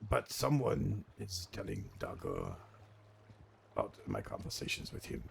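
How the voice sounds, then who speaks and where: A man playing a grumpy, weary old crime organization veteran in an online role-play game, speaking gravely and haltingly in a gravelly voice. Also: rumbling low, wildly swooping pitch, a little hiss or hum, exaggerated voice. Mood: grumpy, confiding.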